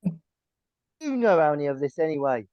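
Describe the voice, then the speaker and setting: A man plays a grumbling, dry-witted father in an audio drama. His voice sits a bit high, and the recording is dead dry and dull. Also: big pitch swings, unhurried, no echo.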